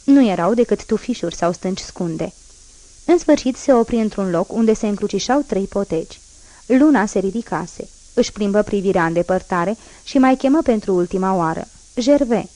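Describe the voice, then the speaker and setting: A woman audiobook narrator reading a classic novel in a measured, solemn manner. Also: medium pitch, lively intonation, mellow, rough recording. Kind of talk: scripted literary narration.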